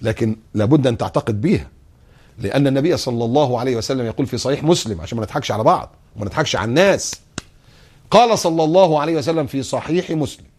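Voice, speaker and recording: A man with an Egyptian accent giving a religious lesson on a TV show, acting out little scenes and drawing out his recitations. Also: mid-range voice. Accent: Egyptian Arabic. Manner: animated, acts out scenes and recites slowly. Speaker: preacher. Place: TV studio.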